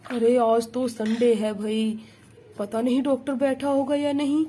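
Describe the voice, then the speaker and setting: A woman plays an easygoing father doll in a homemade doll story. The voice is a little high for a man, relaxed and reassuring, over a noisy recording. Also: unhurried, lightly acted.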